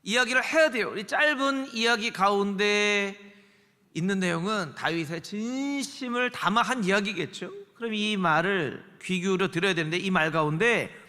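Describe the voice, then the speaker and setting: A man's voice: sits high, normal speed, bright, forceful tone. A male pastor preaching a Sunday sermon, dramatically acting out the voices he quotes. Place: large church sanctuary. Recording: long church hall reverb.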